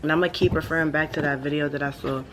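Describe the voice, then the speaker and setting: With a deep voice and a fast pace, a vlogger in her late twenties thinks aloud in a casual ramble to camera. She's laid-back like a stoner, slangy and blunt, and curses freely, while steady ambient noise hums behind her.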